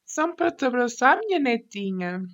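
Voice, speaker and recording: A sly, hungry storybook wolf whose voice swings widely and drops low at the ends of phrases, as a woman with a European Portuguese accent puts him on. The tone is bright and a little high. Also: very animated, fairly quick. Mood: sweet-talking. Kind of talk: storybook voice acting.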